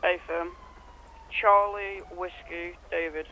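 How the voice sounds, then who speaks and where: A man with a high-pitched, flat voice radios in as a police officer in a role-play. His delivery is procedural and halting, with faint siren and vehicle noise behind him. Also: narrow, tinny audio.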